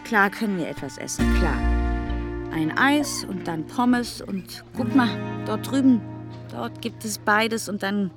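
A tense single mother, mid-pitched voice, radio drama, music behind. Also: expressive, unhurried. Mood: soothing. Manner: tense, easily rattled. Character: worried single mother Elisa.

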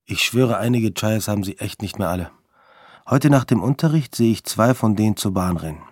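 A young man narrates short episodes in blunt, slang-heavy speech. His voice sits low and husky. The recording is close and dry, with no room sound. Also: lively intonation, brisk, a little mellow, no room sound. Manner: blunt, street-slang narration with quoted outbursts. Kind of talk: storytelling monologue in vignettes.

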